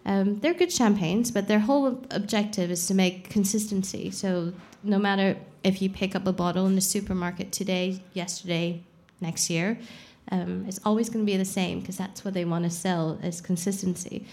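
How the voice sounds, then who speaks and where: A woman's voice: medium pitch, fairly even intonation, moderate pace, hardly any pauses, a little mellow. A young adult woman, a champagne expert guest on a live podcast, explaining frankly and casually, swearing now and then. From Saudi Arabia.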